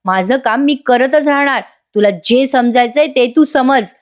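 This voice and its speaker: A woman voicing a lying young husband who turns indignant and shouts back when questioned. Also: high-pitched, brisk, lightly acted. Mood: angry. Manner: indignant, raises voice.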